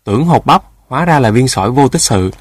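A man's voice: mid-range voice, expressive, normal speed, dry recording, natural voice. A man voicing a greedy, foolish male rooster in a storybook tale, boastful and easily panicked. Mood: scornful.

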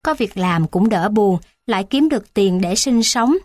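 A woman reading a first-person story aloud in a steady, even storytelling manner. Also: medium pitch, moderate pace, dry recording, clean studio sound. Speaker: narrator. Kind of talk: scripted story narration.

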